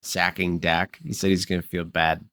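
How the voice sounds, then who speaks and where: A man with a low voice cuts in with blunt, wry remarks during a casual football talk. The recording is dry and close-miked. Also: little pitch movement, normal speed, a bit bright, no room sound. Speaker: podcast co-host. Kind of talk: casual sports chat.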